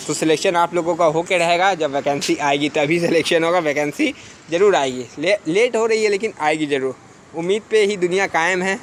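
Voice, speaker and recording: A man's voice: sits high, slight background noise. A man who coaches students for defence exams, talking casually and earnestly to them in a vlog, urging them on and asking rhetorical questions. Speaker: defence exam coaching teacher.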